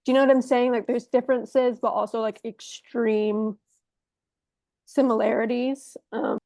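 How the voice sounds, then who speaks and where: A woman's voice: on the high side, fairly even intonation, a little slow, gravelly, dark tone, no echo. An American woman guesting on a podcast, talkative and rambling in casual chat. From United States.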